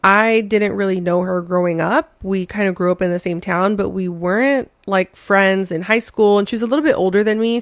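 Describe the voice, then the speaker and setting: Young woman podcast host, chatty and emphatic, close dry mic, mid pitch. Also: no echo. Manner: chatty, emphatic, says "girl" and "like" often. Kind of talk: casual solo podcast storytelling.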